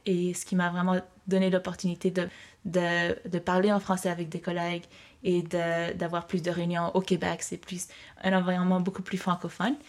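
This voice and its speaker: A woman's voice: on the low side, monotone, a little fast. A young woman from Mexico answering interview questions in a hesitant, reflective way, with many fillers and restarts.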